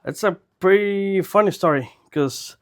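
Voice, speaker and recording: Mexican-accented guy, spanish native, chatting casually as a podcast guest, voice a little higher than most men. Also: a little slow. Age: 40s. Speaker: podcast guest, dental technician. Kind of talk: casual conversational storytelling.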